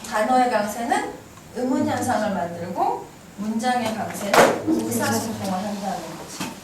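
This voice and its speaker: A woman teaching an English class, brisk and teasing, quizzing her students as she goes. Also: on the high side, animated. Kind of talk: classroom lecture. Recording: echoey classroom from far off, noisy.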